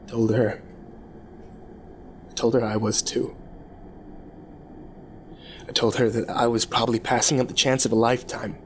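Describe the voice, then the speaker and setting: A man playing a troubled rich young man confessing a cruel past in a halting, stammering way, as a dramatic horror story monologue. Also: mid-range voice, level tone, natural voice. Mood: subdued, confiding. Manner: halting, confessional, stammering over repeated words. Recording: clear background noise.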